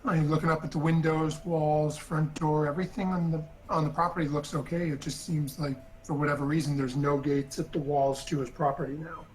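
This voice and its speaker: A man running a tabletop game as game master, narrating in a halting way with many fillers and restarts. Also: on the high side, level tone, a little hiss or hum, poor audio.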